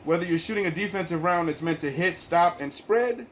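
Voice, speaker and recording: A man's voice: fairly high pitch, a little fast. A man speaking through a face mask in a casual, rambling opinion vlog, hesitating and repeating words as he goes. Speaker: video host. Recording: clear background noise.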